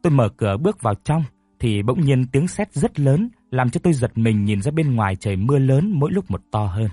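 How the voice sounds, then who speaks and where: Husky male storyteller, mellow voice. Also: mid-range voice, expressive, brisk, no room sound. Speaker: narrator. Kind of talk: storytelling narration. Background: faint music.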